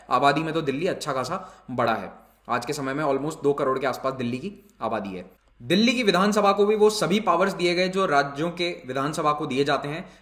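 A man's voice: a little high, fairly bright tone, echoey room. A male educator giving an explanatory exam-prep lecture, switching between Hindi and English terms. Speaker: civil services exam educator. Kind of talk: lecture with course promotion.

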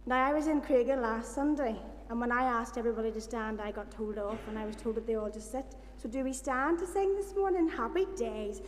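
A woman's voice: on the high side, a little fast, hardly any pauses. A middle-aged woman with a Northern Irish accent, leading informal worship and prayer from a church lectern. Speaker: visiting church service leader. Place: indoor church hall at a lectern. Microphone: gooseneck lectern microphone. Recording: reverberant hall, faint noise and hum.

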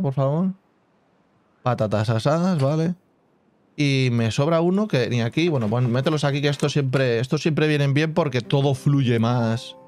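Faint game music plays under a middle-pitched male voice as a gaming channel host chats his way through a building game. It's casual let's-play commentary, full of thinking aloud, with hummed sound effects filling the pauses.

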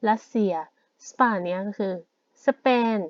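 A woman teaching a language lesson in a relaxed, casual way, explaining words one at a time. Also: slow, no echo, dull audio.

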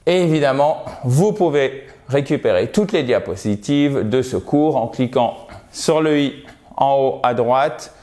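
A man's voice: medium pitch, lively intonation, a little slow, a little mellow. A man teaching an online lesson about English pronunciation in a chatty, encouraging way, often checking in with the viewer.

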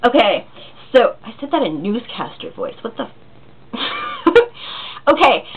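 A woman's voice: fairly high pitch, big pitch swings, normal speed, husky. A woman in her early twenties chatting casually as a vlogger answering viewer questions, rambling and giggly with lots of ums and likes. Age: 20s. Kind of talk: casual chat. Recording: tinny phone-like recording.

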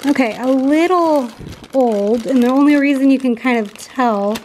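A woman's voice: high voice, normal speed, darkish tone, a little hiss or hum. A woman in her thirties chatting casually with viewers in an upbeat way as she shows off groceries in her kitchen. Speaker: lifestyle vlogger. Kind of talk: casual grocery haul narration. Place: home kitchen, indoors.

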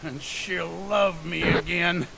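An actor playing a creepy, obsessive, lovesick male loner in a video game, slow and unhinged, muttering to himself. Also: steady tone, full character voice. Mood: creepy eager. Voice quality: high, gravelly, drawling. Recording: noisy game audio capture.

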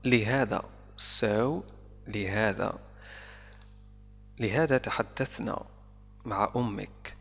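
Gravelly male teacher, echoey dull sound. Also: lowish voice, takes it slowly, pauses often, a bit bright. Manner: explains word by word with short repeats. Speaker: English teacher. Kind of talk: explanatory language lesson.

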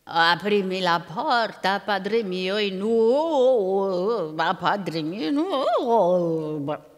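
A woman voicing a wicked, hungry male ogre with a deep, growling voice, told in a live storytelling show. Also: animated, drawn-out words. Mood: coaxing. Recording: long reverb of a stone hall.

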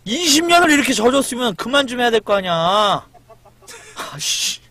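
High-pitched man yelling in irritation. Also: sing-song, normal speed, dry recording. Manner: swearing, shouting "get lost" over and over. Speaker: streamer. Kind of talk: live game stream chat.

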